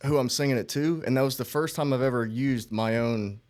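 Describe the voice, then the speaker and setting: A man's voice: mid-range voice, fairly quick, darkish tone. A man from North Carolina, a guest musician telling easygoing stories in a casual chat. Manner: easygoing, storytelling.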